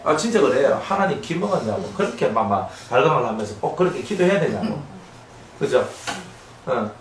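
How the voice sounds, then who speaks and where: Animated Gyeongsang-accented preacher in an echoey hall. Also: male voice, medium pitch, fairly quick. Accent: Gyeongsang Korean. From Gyeongsang region, Korea. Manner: animated, acts out quoted voices, asks the audience for agreement. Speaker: pastor. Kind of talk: sermon. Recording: echoey room, somewhat distant mic, faint noise.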